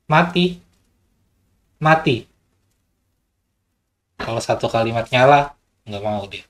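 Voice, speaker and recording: A man hosting a casual hands-on electronics tutorial, talking in a relaxed, slangy way and repeating short test commands. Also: mid-range voice. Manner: addresses viewers as guys, upbeat sign-off.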